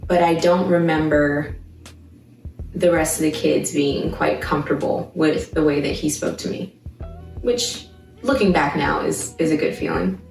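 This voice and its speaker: A woman in her twenties from Baltimore, giving a measured, reflective personal account to camera. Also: sits low, vocal fry, recorded from a distance. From Baltimore, Maryland. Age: 20s. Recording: echoey room, voice from off-mic, soft music behind.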